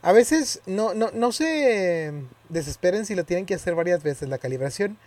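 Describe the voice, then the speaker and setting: A man's voice: high-pitched, expressive, normal speed, darkish tone. A man giving a casual spoken tutorial, hesitant and often correcting himself as he demonstrates. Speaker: tutorial presenter.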